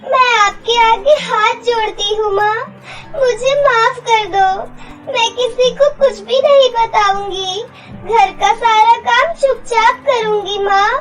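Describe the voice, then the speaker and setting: A woman voicing a gentle, mistreated young girl in a cartoon story, pleading and tearful. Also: very high-pitched, takes it slowly, faint music behind, voice pushed up.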